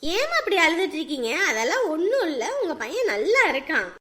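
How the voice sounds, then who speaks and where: An actress playing a patient hospital nurse who reassures a worried mother and gently lectures her. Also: very high-pitched, very animated, brisk, full character voice. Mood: reassuring.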